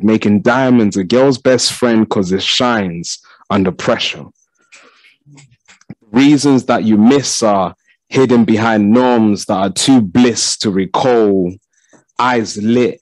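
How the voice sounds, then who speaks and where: A man performing a spoken-word poem in a smooth, low "DJ voice", at a measured, deliberate pace. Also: no room sound, rough recording. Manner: slow, low "DJ voice" delivery. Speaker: panelist and spoken-word poet.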